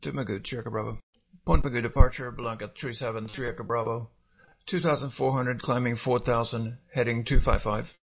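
A man's voice: mid-range voice, steady tone, a little fast, creaky, slightly rough, low-quality recording. A man speaking as a pilot, giving terse, procedural radio read-backs to air traffic control.

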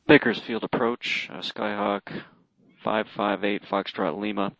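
A man speaking as a pilot making aviation radio calls to air traffic control, with halting, hesitant phrasing. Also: on the low side, fairly even intonation, gravelly, fairly bright tone, no room sound. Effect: aviation radio transmission. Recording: dull, narrow radio-band sound.

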